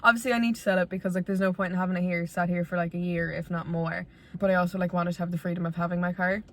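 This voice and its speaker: Irish girl in her 20s from the west, lowish voice, rambly casual vlog chat, bit self-deprecating. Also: level tone, racing. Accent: west of Ireland. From Galway, Ireland. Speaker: vlogger. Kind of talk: casual, candid chat to viewers.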